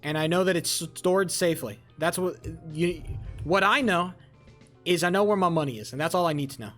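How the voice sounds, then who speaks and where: A man's voice: on the high side, brisk, fairly bright tone, faint music behind. A man in his twenties chatting casually on a live stream, swearing freely and rambling back at his chat. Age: 20s.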